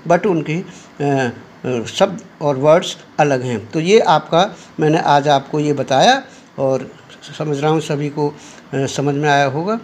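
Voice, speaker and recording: An Indian man teaching a class with a high-pitched voice. He speaks slowly and carefully, pausing often on "uh", while faint noise hums in the background. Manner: slow and deliberate, many "uh" fillers, addresses students as children. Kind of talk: classroom lesson, Hindi mixed with English.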